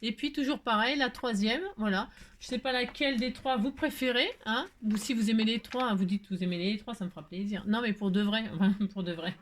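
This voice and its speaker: A woman whose voice runs on the high side talks viewers through a card tutorial at a brisk clip with fairly even intonation. The crafting chat is casual; she jokes at her own expense, laughs frequently, and uses lots of fillers.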